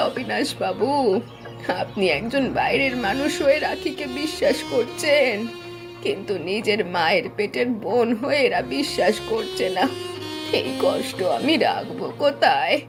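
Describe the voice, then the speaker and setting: A woman's voice: mid-range voice, expressive, a little slow, music in the background. An actress playing an emotional village woman in a plaintive, melodramatic audio-story style. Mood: lamenting.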